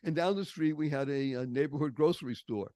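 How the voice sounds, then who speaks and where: A man's voice: on the high side, fairly quick, mellow, dry recording. An older man from the Boston area with a Boston accent, a podcast guest telling stories expressively and stressing key words. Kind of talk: storytelling interview.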